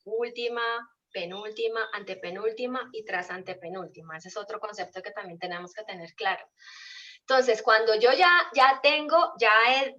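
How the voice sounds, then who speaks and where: A woman's voice: a little high, fairly bright tone, muffled recording. A woman teacher giving an online class, explaining patiently and often asking her students questions.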